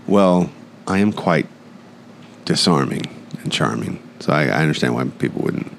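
Man, deep voice, lively swings in pitch, joking podcast co-host, faint room noise. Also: moderate pace, gravelly. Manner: joking, self-deprecating banter, laughs often. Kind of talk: casual chat. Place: recording studio.

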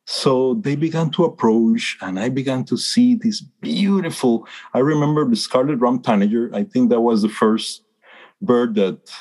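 Over poor-quality audio, a birding guide from Costa Rica answers interview questions in a mid-range, darkish voice at a moderate pace. He's in his fifties and has a Costa Rican Spanish accent. He means every word, though he stumbles often, filling gaps and starting over.

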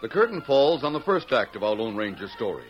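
A male announcer narrates a vintage radio western. His pitch moves in lively sweeps, with music clearly playing behind him on a dull recording. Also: brisk. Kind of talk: scripted old-time radio western narration.

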